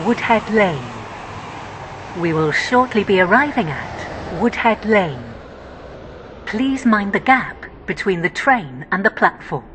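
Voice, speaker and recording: A woman reads an automated onboard train announcement in a formal, steady tone. She takes it very slowly, spacing out each stop name. The clear rumble of a moving train sits behind her voice. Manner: slow, even, formal announcing.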